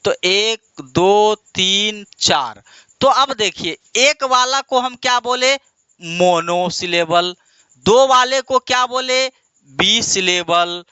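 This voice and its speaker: A man from India with a high voice, sharp tone and clear, resonant sound, recorded without room sound, leads an English grammar lesson. "My dear," he calls his students, quizzing them call-and-response style, answering his own questions and drawing out repeated words.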